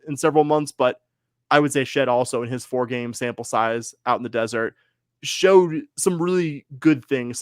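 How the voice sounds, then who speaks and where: A man's voice: mid-range voice, no echo. Casting note: male podcast co-host, casual rambling delivery, dry close sound. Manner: rambling, frequent fillers and self-corrections. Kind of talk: casual sports podcast chat.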